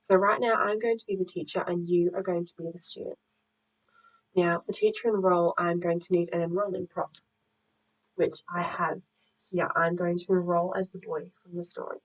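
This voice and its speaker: A woman presenting a drama lesson plan, reading in a measured, explanatory way. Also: fairly low pitch, little pitch movement, far from the mic. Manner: measured, explanatory, reads from a script. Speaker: student teacher presenting a lesson. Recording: muffled audio, speaker away from mic.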